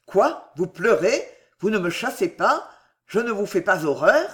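A man playing a proud young swordsman who speaks hoarse and stammering with fervent despair. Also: high-pitched, big pitch swings, a little slow, a bit bright, heavily acted. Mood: desperate.

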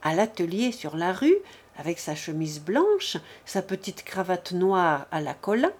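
A woman reads a classic novel aloud as an audiobook narrator. Her delivery is slow and unhurried, measured and deliberate, at an ordinary middle pitch for a woman. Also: darkish tone. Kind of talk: scripted literary narration.

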